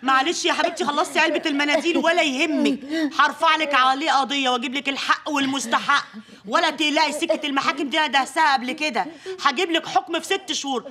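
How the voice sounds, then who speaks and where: An actress with an Egyptian accent playing a combative daughter in a sitcom. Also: female voice, high voice, fast, pushed and bright. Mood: feisty. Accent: Egyptian Arabic. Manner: combative and sure of herself. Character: feisty daughter defending her mother. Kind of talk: sitcom acting.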